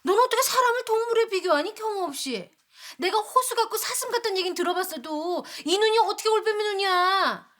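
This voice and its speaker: An actress playing a nosy, touchy neighborhood housewife who nags and gossips in a sitcom. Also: female voice, fairly high pitch, expressive, brisk, fairly bright tone. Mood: indignant. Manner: nagging, indignant. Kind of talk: sitcom acting.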